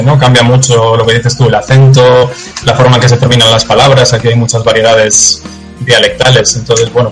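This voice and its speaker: Flat-voiced man, faint music. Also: mid-range voice, low-quality recording. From Galicia, Spain. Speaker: tour guide guest. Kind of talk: casual conversation.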